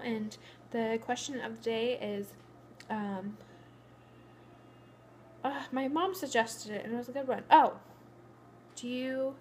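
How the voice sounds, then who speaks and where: Out of breath, a young pregnant woman rambles through a casual vlog update in a matter-of-fact way. Her voice is fairly high with a darkish tone, captured on a phone camera with slight background noise.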